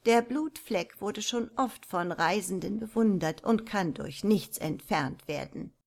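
A woman reading the part of an old housekeeper who speaks softly in an old-fashioned, mysterious way. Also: medium pitch, a little slow, vocal fry. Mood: hushed, eerie. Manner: soft, hushed, old-fashioned.

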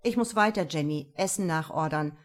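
A busy male colleague, put on by a woman reading aloud, brisk and emphatic in every sentence. He sounds like he is always in a hurry. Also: low voice, close to an everyday voice.

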